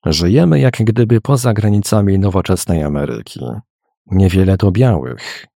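A man voicing a young woman in an audiobook, brisk and cheerful but a little evasive. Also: low voice, animated, vocal fry, mellow, no room sound, studio quality, heavily acted. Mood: guarded. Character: young woman driving a carriage, teasing and guarded.

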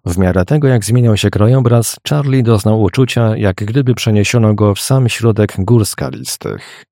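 A man's voice: fairly low pitch, normal speed, gravelly, mellow, no echo, studio quality. A man narrating an adventure novel as an audiobook, reading expressively. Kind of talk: scripted narration.

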